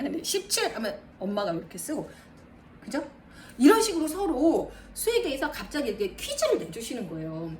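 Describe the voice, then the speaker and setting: A woman math tutor giving a lively lesson to parents, counting aloud and talking straight to mothers. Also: high-pitched, recorded from a distance. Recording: roomy, a bit off-mic, faint noise.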